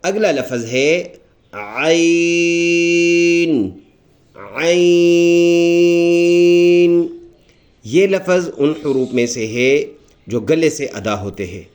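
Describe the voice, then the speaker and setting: A man's voice: medium pitch, expressive, a little mellow. A man teaching beginners how to pronounce Arabic letters, explaining patiently and drawing out each letter sound as he demonstrates it, with a Pakistani Urdu accent. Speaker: Quran teacher.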